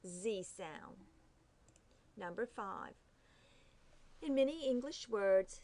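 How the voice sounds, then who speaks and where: Slow, deliberate woman teaching phonics. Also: sits high. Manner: spells out and repeats letter sounds carefully.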